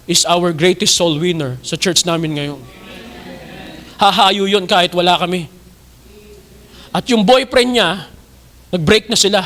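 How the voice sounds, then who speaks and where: High gravelly Filipino preacher man. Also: sharp tone. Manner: preaching with rising emphatic bursts. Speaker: pastor. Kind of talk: sermon.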